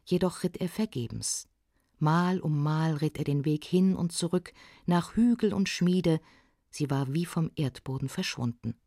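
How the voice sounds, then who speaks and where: A woman reads a folk legend aloud with lively, expressive storytelling. Her voice is low and warm. The sound is close and dry. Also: unhurried, no room sound. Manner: expressive, shifts voice for the characters.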